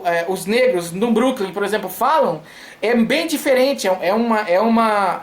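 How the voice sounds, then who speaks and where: A woman talks through her ideas like a lecture, stopping to repeat words and asking the viewer if they follow. Her voice sits a little high. The recording carries a noticeable room echo. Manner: halting, repeats words, checks in with "ok?" and "certo?". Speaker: author explaining her book's ideas. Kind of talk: explanatory video lecture. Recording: echoey room.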